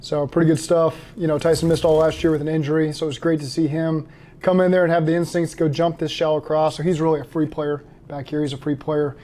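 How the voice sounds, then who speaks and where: A man speaks quickly in a dark, level voice, talking through game film like a head coach. He is matter-of-fact and steady, and he keeps a flat, even pitch from start to finish. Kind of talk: interview answers and film breakdown.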